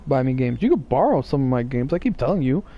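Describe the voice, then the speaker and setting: A man's voice: medium pitch, sing-song, fast, muffled recording. A man streaming live, chatting casually and teasing his viewers in a rambling way.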